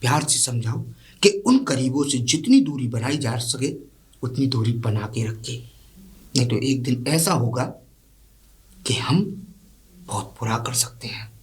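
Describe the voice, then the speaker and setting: An actor playing a proud, contemptuous landowner father who delivers slow, weighty warnings. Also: medium pitch, expressive, close to an everyday voice. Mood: angry. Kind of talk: low-budget film drama acting.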